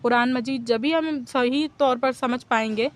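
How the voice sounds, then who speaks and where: High-voiced woman teaching grammar patiently. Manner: patient, keeps checking understanding with "okay?". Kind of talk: explanatory classroom lecture.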